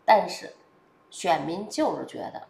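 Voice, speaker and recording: Lively woman with a twang. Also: on the low side, a little slow, creaky. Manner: lively, chatty, colloquial, with frequent hesitations. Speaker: political commentator. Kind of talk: casual spoken commentary. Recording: roomy echo.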